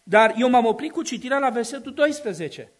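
A man preaching a sermon to a congregation, in an emphatic, repetitive cadence that swells into loud declaiming. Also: extremely high pitch, lively intonation. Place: church hall with a congregation of a few dozen.

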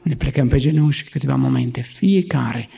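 A man's voice: medium pitch, vocal fry, mellow. A male pastor preaching an emphatic, dramatic sermon in a church. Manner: emphatic, dramatizing with acted voices.

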